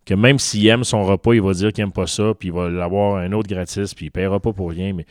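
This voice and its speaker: Québécois man telling a story, smooth voice. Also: sits low, a little fast, dry recording, studio quality. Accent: Québécois French. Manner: animated storyteller, mixes English words into French. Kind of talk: casual storytelling chat.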